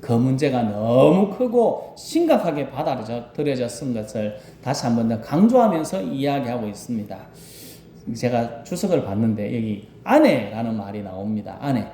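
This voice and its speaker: A man's voice: medium pitch, a little hiss or hum. A man, a rural pastor, preaching a sermon with Bible reading, dramatic, acting out cries and repeating key phrases for emphasis. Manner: dramatic, acts out cries with sudden loud bursts. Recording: roomy echo.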